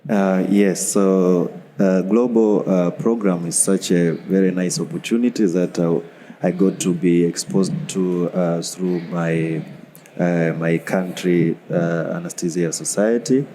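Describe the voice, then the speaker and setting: Deep-voiced man from Tanzania. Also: steady tone, mellow, slight background noise. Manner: halting, many fillers. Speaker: guest anesthesiologist. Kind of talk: conference interview.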